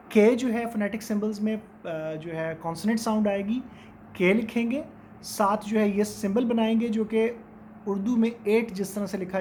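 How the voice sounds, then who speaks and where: A high-voiced man, with slight background noise behind him, lectures on English phonetics on a recording. He goes slowly, stretching out every vowel sound and example word and repeating them aloud.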